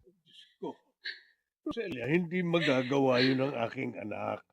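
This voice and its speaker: A man playing a gentle father-in-law in a radio drama, calmly reassuring his son's wife. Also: medium pitch, normal speed, gravelly, muffled recording, faint music behind. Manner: gentle, pleading.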